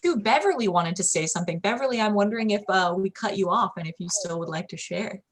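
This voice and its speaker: A woman's voice: medium pitch, lively intonation, quick pace. A woman hosting a video call, upbeat and welcoming as she greets arriving guests. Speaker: event host.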